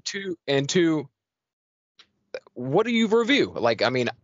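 A man's voice: on the high side, sing-song, slow pace, no echo, lo-fi sound. Rambling, joking male podcast host. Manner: rambling, joking, self-deprecating. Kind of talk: casual chat.

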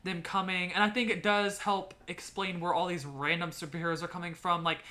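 Bright-voiced woman chatting casually. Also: lowish voice, little pitch movement, brisk. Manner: rambling, lots of fillers and restarts. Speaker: podcast co-host. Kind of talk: casual chat.

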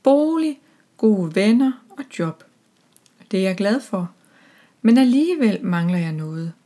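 A woman voicing a lonely, kind-hearted male eagle who is mayor of a small town, read gently in a storybook. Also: medium pitch, sing-song. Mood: wistful.

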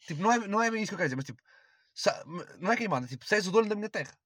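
A man's voice: high voice, expressive, very fast, fairly bright tone, dry recording, clean studio sound. A young man with a European Portuguese accent, chatting casually in a crude, slangy way and rambling with repetitions. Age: young adult. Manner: crude, slangy, heavy swearing. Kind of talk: casual chat.

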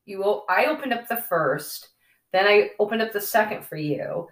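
A woman's voice: mid-range voice, lively intonation, normal speed. A woman co-hosting a podcast in casual chat, easygoing and teasing, often laughing. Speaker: podcast co-host. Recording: roomy, distant from the mic.

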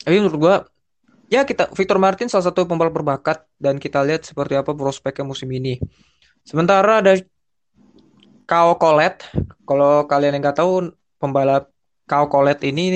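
Casual young man, rather high voice. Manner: informal slang, hesitant restarts, mixes in English phrases. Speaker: podcast co-host. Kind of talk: casual chat.

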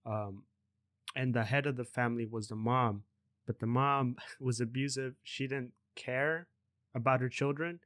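A man's voice: medium pitch, steady tone, a little slow, a bit bright, no room sound, studio quality. A young man hosting a casual podcast, talking loosely and rambling through his notes. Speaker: podcast host.

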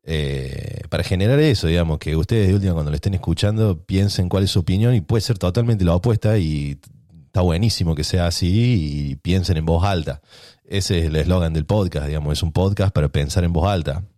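A man with a low voice and a Rioplatense Spanish accent hosts a casual solo podcast. He rambles and provokes, thinking out loud as he goes. The sound is dry, with no room echo. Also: brisk. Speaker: podcast host.

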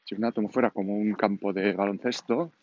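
A brisk, lowish, slightly mellow male voice with fairly even intonation belongs to a 49-year-old from Catalonia, Spain. Raised speaking Catalan as well as Spanish, he talks in Catalan-accented Spanish, thinking aloud in a rambling, unscripted solo podcast. The home recording is lo-fi and dull, with noticeable background noise.

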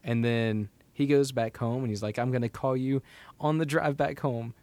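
A young man in his early twenties leads a relaxed book-club chat, recapping the story with animated asides. His voice sits at an ordinary pitch and sounds close and dry, with no room around it. He keeps the tone conversational. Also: moderate pace, no echo.

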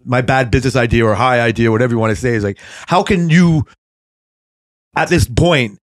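A man's voice: mid-range voice, fairly quick. A man co-hosting a podcast in casual chat, joking and rambling, swearing often. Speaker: podcast co-host.

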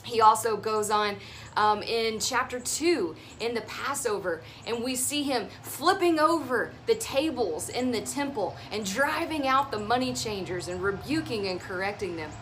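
A woman's voice: on the high side, animated, normal speed, fairly bright tone, slight background noise. A woman in her thirties giving an earnest, encouraging devotional teaching as host of her ministry show.

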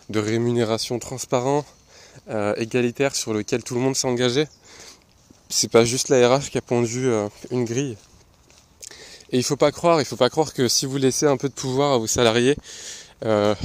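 A man, hosting a podcast on his own and talking casually about management, with lots of fillers and restarts. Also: medium pitch. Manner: loose and chatty, many fillers and restarts, laughs at his own asides. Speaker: podcast host. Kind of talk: casual solo talk on management.

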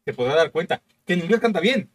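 A man's voice: fairly high pitch, lively intonation, fast. A man with a Mexican accent co-hosting a comedy podcast, teasing his partner with mock insults. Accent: Mexican Spanish. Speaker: podcast co-host. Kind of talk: casual comedy chat.

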